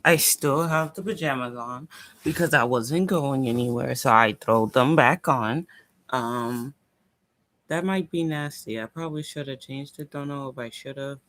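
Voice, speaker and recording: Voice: mid-range voice, unhurried, a bit bright, no echo. A young adult chatting casually on a home livestream, rambling and thinking aloud into a laptop mic.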